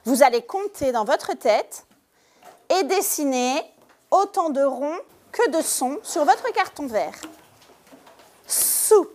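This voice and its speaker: A woman teacher giving a lesson to young pupils in a classroom, speaking slowly and clearly and stressing each syllable. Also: high-pitched, big pitch swings, darkish tone. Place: primary school classroom.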